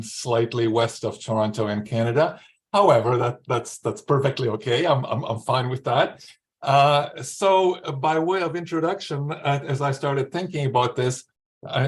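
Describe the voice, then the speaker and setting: A Slovak man in his sixties, a writer, speaks slowly at a medium pitch, giving an informal spoken introduction and then reading his own short fiction at an online literary event held over a remote video call. His delivery is halting and earnest, and he repeats words.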